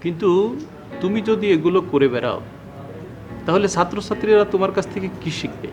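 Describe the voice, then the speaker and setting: A stern, lecturing headmaster. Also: male voice, high-pitched, lively intonation, brisk, music in the background. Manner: formal, lecturing. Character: stern, formal male school headmaster. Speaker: school headmaster. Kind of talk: TV serial acting.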